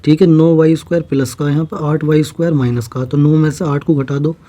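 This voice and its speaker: A man's voice: on the high side, steady tone, brisk, mellow. A man explaining exam math problems step by step, patiently checking in with his students as he goes. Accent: Hindi-speaking North Indian. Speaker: math teacher. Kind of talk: exam-prep math lesson.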